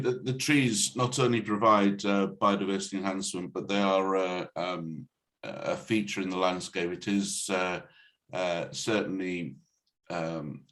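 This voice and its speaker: A man speaking as a planning officer, presenting a formal report on a video call in a halting, hesitant way with repeated false starts. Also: sits low, a bit bright. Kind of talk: formal report and answers at a meeting. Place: online video meeting.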